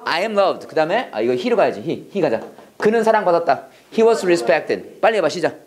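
Energetic instructor with a lively, swooping pitch. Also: moderate pace. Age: adult, past seminary studies. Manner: energetic, coaxing, repeats drill phrases and urges speed; jokey asides and chuckles between drills. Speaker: English prayer instructor. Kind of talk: classroom lecture with call-and-response drills.

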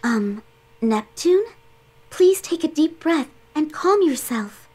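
A woman voicing a gentle, formal tome spirit in a video game, polite and measured like a heavenly goddess. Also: high voice, lively intonation. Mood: calm, polite. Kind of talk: English video game voice acting.

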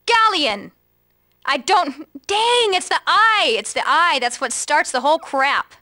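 A woman with a high, bright voice reads game lines slowly and dramatically. She keeps breaking off to laugh at herself, then tries the lines again. Her reading is playful and self-mocking. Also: expressive. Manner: giggly, self-mocking retakes. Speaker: let's play co-host voicing dialogue.

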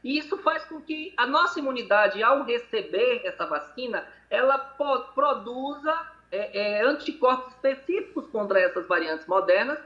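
A man's voice: extremely high pitch, animated, moderate pace, sharp tone. A man, an infectious disease doctor, explaining as a guest over a video call from a hospital, with hesitant repeated words. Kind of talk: explanatory interview answers. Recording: lo-fi echoey video call audio.

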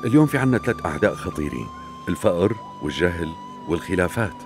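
Deep, rapid Syrian Arabic sultan. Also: male voice, very animated, over music. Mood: commanding, resolute. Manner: authoritative. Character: commanding, benevolent Ottoman sultan. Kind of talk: dubbed period TV drama dialogue.

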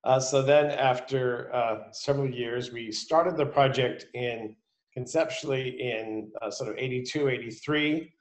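A man's voice: mid-range voice, fairly even intonation, a little slow. Man explaining on a video call, echoey. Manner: explanatory, with fillers and restarts. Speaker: panelist. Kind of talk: casual panel discussion.

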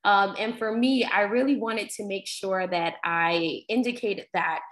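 A woman's voice: mid-range voice, unhurried. A young woman from Guyana, raised in New York, leading an online poetry workshop as instructor, speaking earnestly with frequent ums. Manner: warm, earnest, many ums. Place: home room on video call. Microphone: laptop video call mic.

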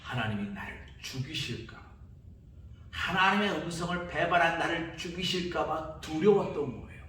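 A male pastor delivering a sermon, emphatic, swinging between loud high calls and quiet low lines. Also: normal speed, a little hiss or hum. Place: church sanctuary. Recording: echoey church sanctuary from far off.

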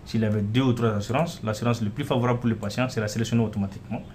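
Low-voiced man walking through software. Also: steady tone, rapid-fire, slight background noise. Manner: casual, repeats "voilà" and "euh" while clicking through. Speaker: software developer demonstrating his app. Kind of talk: screen-recorded software walkthrough.

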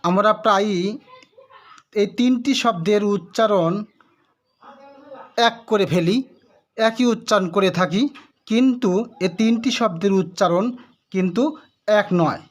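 Man, teacher, pronunciation lesson, slow, repeats words for drilling. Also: sits high. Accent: Bangladeshi Bengali. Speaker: Bengali grammar teacher.

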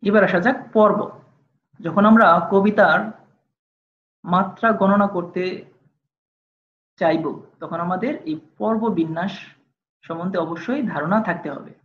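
A woman's voice: medium pitch, a little slow, pauses often. A woman teacher giving a recorded lesson, explaining patiently step by step and speaking directly to her students. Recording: dull lo-fi recording.

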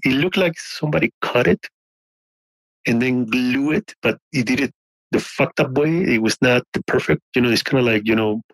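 Halting man in his forties telling a story. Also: mid-range voice, fairly bright tone, no room sound, poor audio. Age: 40s. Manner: halting, many restarts and fillers. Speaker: guest. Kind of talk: casual storytelling.

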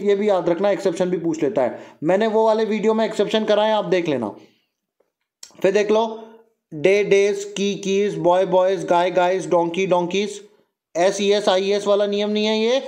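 A young man teaching a grammar lesson, repeating words and asking the listener quick questions to drill them in. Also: high voice, darkish tone. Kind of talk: Hindi grammar lecture mixing in English terms.

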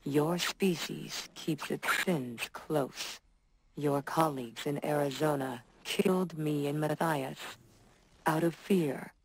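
A woman's voice: low-pitched, creaky, slight background noise, heavily acted, low-quality recording. A woman voicing a bitter, vengeful female synth robot in a video game, speaking coldly and with contempt. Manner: cold, slow and measured, contemptuous.

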